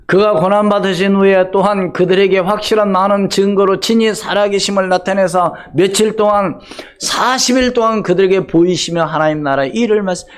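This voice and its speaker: An older man preaching from the pulpit of a church sanctuary. His voice sits a touch high for a man. He throws rhetorical questions at the congregation and drops to a hush before rising again to press a point. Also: clear, resonant tone. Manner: rhetorical questions to the congregation, swinging between loud and hushed. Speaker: pastor. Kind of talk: sermon.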